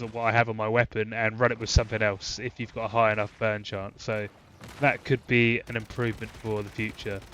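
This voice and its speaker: His voice thick and stuffy from a cold, a gaming channel host explains a game build casually, rambling with constant fillers and false starts. He sits at medium pitch with a slightly bright tone. Game gunfire and explosions fill the background, along with a little hiss or hum.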